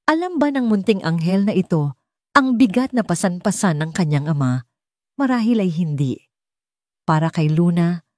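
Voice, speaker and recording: This audiobook narration of a scripted dramatic story comes from a Filipino-accented woman whose voice is lowish and darkish. There's no echo, just clean studio sound.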